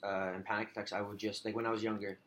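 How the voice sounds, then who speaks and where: Low-voiced hesitant man on a counselling call. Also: little pitch movement, a bit bright, slight background noise. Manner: halting, hesitant, heavy use of filler 'like'. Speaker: client in a practice counselling role play. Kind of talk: role-played telephone counselling conversation.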